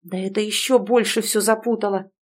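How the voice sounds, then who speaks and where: A woman's voice: mid-range voice, brisk, lightly acted. Woman voicing an agitated argumentative man. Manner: excitable, argumentative. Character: agitated middle-aged man, host of the house. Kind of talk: audiobook character voice.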